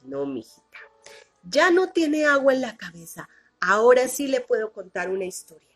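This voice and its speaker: A woman voicing a gentle old grandfather who soothes a crying child tenderly. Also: fairly high pitch, big pitch swings, normal speed, faint music behind, pitched above the performer's own voice. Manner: tender, coaxing.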